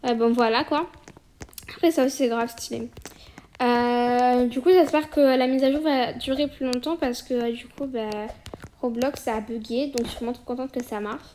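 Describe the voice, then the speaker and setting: A woman chatting through her gameplay, rambling easily and breaking into sudden excited exclamations. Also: fairly high pitch, normal speed. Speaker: gaming video creator. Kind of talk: gameplay commentary.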